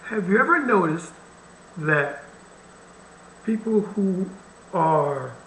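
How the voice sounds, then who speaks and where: A man's voice: high-pitched, expressive, slow pace, fairly bright tone, echoey room, slight background noise, rough recording. A man hosting a reaction video, commenting bluntly and with wry irritation on the clip he plays. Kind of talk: casual commentary over a played video.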